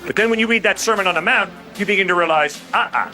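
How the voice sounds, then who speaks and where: Fast and sharp in tone, a man with a distinctly high voice throws rhetorical questions into an open-air apologetics debate with the fervor of a street preacher. His speech is emphatic and colloquial, and music can be heard clearly underneath.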